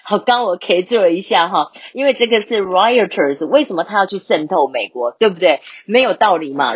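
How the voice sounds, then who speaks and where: Woman teaching English, husky voice. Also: on the low side, no room sound. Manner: switches between Mandarin and English, explains vocabulary slowly. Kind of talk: bilingual English lesson podcast. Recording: dull, lo-fi dry recording.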